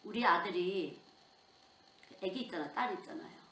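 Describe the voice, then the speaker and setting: A woman's voice: fairly low pitch, moderate pace, echoey room. An older woman preaching a sermon as a children's missionary, telling stories with strong emotion. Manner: emotional, animated storytelling with sudden outbursts.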